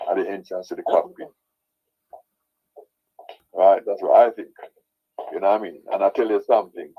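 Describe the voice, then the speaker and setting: A man with a Jamaican accent and a husky voice, ranting as a caller to a radio show, insistently repeating his points with tag questions. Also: sits low. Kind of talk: opinionated radio call-in rant. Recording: dull lo-fi sound.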